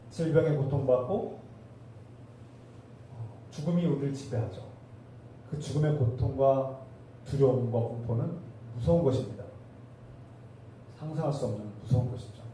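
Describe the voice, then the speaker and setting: A man preaching a sermon from a church pulpit, his voice mellow and dark, speaking a little high for a man. The sound is heard from a distance in a very roomy hall. A faint hiss sits under his voice. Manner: preaching with rhetorical questions to the congregation. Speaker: pastor. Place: church sanctuary.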